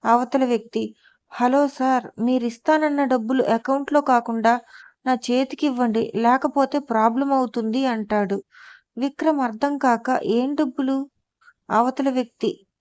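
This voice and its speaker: A woman narrating a serialized novel, reading dialogue and narration aloud in a plain, even way. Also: sits high, no room sound. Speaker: storyteller. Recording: dull lo-fi, dry close mic.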